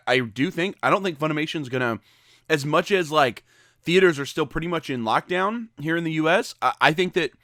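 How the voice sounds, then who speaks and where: A man co-hosting a podcast, chatting casually and weighing his opinions out loud. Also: fairly high pitch, no echo, studio quality. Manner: thoughtful, hedging. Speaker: podcast co-host. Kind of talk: casual chat.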